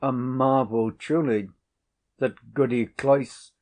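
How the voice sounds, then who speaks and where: A man's voice: mid-range voice, steady tone, slow, darkish tone, close to an everyday voice. A man reading aloud and voicing an earnest, uneasy young man in a colonial tale. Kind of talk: audiobook character reading.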